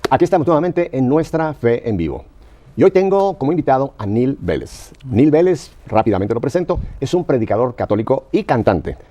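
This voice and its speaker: Lively, mellow-voiced faith show host. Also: male voice, mid-range voice, fairly quick. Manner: warm, pious greetings, short affirmations. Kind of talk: interviewing a guest.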